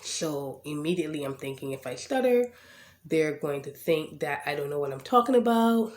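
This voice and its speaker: Talking casually about personal experience, this podcast host stutters, has a slight lisp, occasionally repeats words, and leans often on "um" and "right?". The mid-range voice has lively intonation, a moderate pace and a little mellowness, in a room with noticeable echo.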